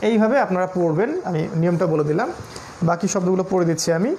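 A Bangladeshi man teaching Quran recitation in a recorded class, spelling out each syllable slowly and repeating it patiently. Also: high-pitched, warm tone, slight background noise. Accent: Bangladeshi Bengali.

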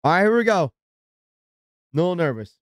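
A man's voice: high-pitched, big pitch swings, normal speed, dry recording, clean studio sound. A man live-streaming, reacting in an exasperated, ranting way and thanking subscribers as he talks to his viewers.

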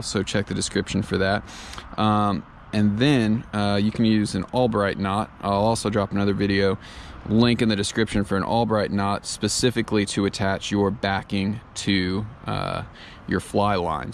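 Low gravelly guy walking you through rod and reel setup outside, laid-back, lots of uhs, faint background hiss. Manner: relaxed, filler-heavy step-by-step explaining. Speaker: fly fishing instructor. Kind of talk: casual how-to tutorial. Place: outdoors on a lawn.

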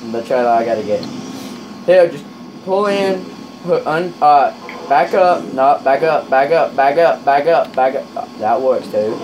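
Against a noisy background, a medium-pitched man chats casually with a friend over a trucking game. He's rowdy, swears frequently, and lets out loud, excited outbursts.

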